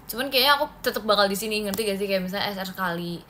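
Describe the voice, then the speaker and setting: Bright, giggly young woman livestreaming. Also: mid-range voice, very fast, a little hiss or hum. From Indonesia. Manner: giggly, chatty, answers comments. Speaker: idol livestream host. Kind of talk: casual chat with viewers.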